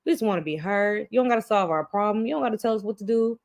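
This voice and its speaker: Female stream host, candid and profane, quick to laugh. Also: mid-range voice, expressive, a little mellow. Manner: blunt and profane, laughs often, slips into acted quotes. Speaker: live stream show host. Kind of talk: candid casual chat.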